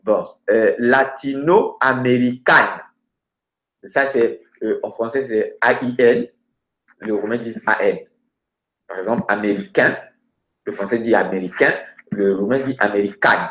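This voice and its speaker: A man teaching grammar through lists of words, hesitating often and slowing down for each example. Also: on the low side, a bit bright. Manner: hesitant, many filler sounds, slows down for example words. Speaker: language teacher. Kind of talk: explaining grammar with word lists. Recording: roomy echoey room.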